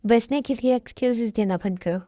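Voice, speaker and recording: A woman's voice: on the high side, brisk, mellow, no room sound, clean studio sound, close to an everyday voice. A woman voicing a rude, dismissive young husband in a fan dub. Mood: curt. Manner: harsh, dismissive.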